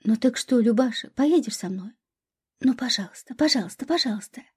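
A woman's voice: a little high, expressive, fairly quick, breathy edge. A woman voicing a carefree young female student who coaxes and pleads with her friend. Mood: coaxing. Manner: pleading, playful, coaxing.

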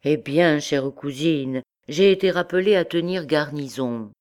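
A woman's voice: deep voice, measured pace, darkish tone. A woman voicing a young army captain who answers in an offhand, evasive way.

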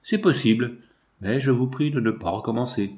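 A man's voice: medium pitch, normal speed, a little mellow, close to an everyday voice. Haughty rich male capitalist, curt and condescending, as read by a man. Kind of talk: audiobook character voice.

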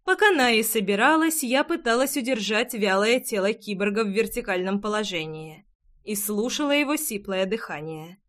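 A woman narrating a first-person audiobook in a lively, expressive way. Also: medium pitch, moderate pace.

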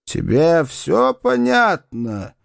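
A stern, pompous older doctor lays down terms slowly and deliberately, voiced by the male narrator. His pitch lifts and drops for emphasis, and the sound is close and dry. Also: huge pitch swings, creaky, no echo, heavily acted. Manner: pompous, measured.

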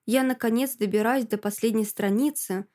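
A woman narrating a first-person story in an expressive audiobook reading. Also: fairly high pitch, normal speed.

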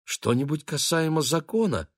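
Shy, bewildered young ward, voiced high by a man. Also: very animated, moderate pace, no room sound, studio quality. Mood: flustered. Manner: timid, bewildered.

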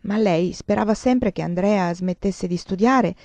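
A woman reading a novel aloud as an audiobook reader, calm and measured. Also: mid-range voice, no echo.

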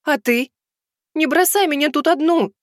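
A man's voice: extremely high pitch, normal speed, no room sound, studio quality, voice pushed up. A man voicing a frightened young woman who pleads not to be left behind, in an audiobook. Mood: pleading. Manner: pleading, anxious.

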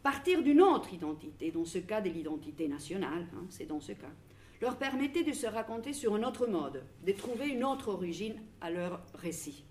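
A woman's voice: medium pitch, big pitch swings, a little mellow, slight background noise. Argentine woman reading a conference talk. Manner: measured, reads from notes with small restarts. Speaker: researcher presenting at a public debate.

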